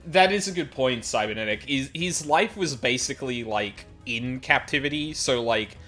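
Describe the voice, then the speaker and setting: A man chatting casually with a friend over a game, animated and quick to laugh. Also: mid-range voice, faint music behind. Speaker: co-player. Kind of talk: casual let's-play chat.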